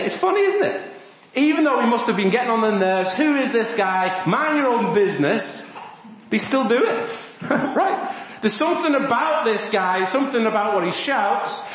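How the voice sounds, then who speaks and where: A man preaching an animated all-age sermon in a church, asking the congregation questions and acting out voices. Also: sits high, slight background noise. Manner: lively, asks the congregation questions, acts out voices. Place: church hall. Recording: echoey church, dull lo-fi sound.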